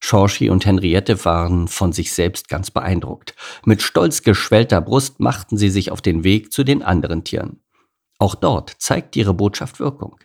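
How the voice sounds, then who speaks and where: A man narrating a children's animal story as an audiobook, reading lively and expressively. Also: deep voice, measured pace, gravelly.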